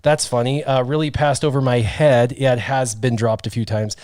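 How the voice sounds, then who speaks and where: A man's voice: mid-range voice, fairly even intonation, moderate pace, a little mellow, no echo. A man in his thirties hosting a casual livestream from a small home studio, reading viewer comments aloud and joking about himself. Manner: reads chat comments aloud, jokey and self-deprecating. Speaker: host. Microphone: studio mic with headphones.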